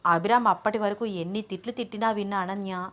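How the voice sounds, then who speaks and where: A woman storyteller giving scripted, expressive narration of a serialized love story. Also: mid-range voice, brisk.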